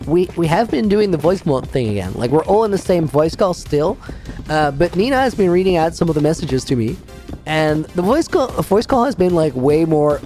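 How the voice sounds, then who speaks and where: A man's voice: on the high side, mellow. A man streaming a game, chatting casually with viewers, rambling and laughing often while reading out names. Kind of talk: casual livestream chat while playing a game.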